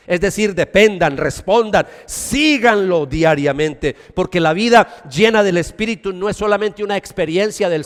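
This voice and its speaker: A male pastor with a high-sitting voice preaches a sermon in a church hall, and the recording has long reverb. He swings dramatically between loud emphasis and quiet asides, speaking colloquially and acting out little scenes for the congregation.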